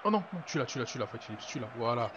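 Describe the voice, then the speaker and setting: A young man from France giving live commentary on his own football video game match, excitable, swearing and talking to himself. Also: mid-range voice, racing. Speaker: gaming video creator. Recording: dull lo-fi with noise.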